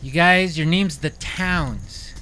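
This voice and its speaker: A man's voice: a little high, lively intonation, takes it slowly, bright, forceful tone, slight background noise. A man hosting a casual chat show in a garage studio, upbeat and teasing as he interviews a band. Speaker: podcast host.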